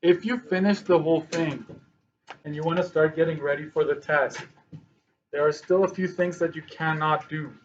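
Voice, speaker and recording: A man's voice: on the high side, steady tone, highs cut off, slight background noise. Man teaching a math lesson, thinking aloud. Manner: thinking aloud, slow and halting while working problems; dry, sarcastic asides.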